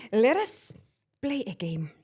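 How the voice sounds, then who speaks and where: A woman hosting a podcast, bubbly and quick to laugh, mixing English and Zulu in casual chat. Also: a little high, big pitch swings, darkish tone, husky. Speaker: podcast host.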